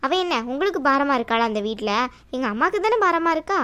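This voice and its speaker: A fiery, protective young sister in a cartoon, firing off indignant questions, voiced by a woman. Her voice sits high and sharp throughout. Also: expressive, fast talker. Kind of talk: cartoon voice acting.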